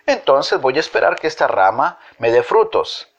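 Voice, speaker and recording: A man's voice: a little high, sing-song, moderate pace. A man doing a playful children's teacher. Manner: gently playful, mock-foolish. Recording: dull lo-fi recording.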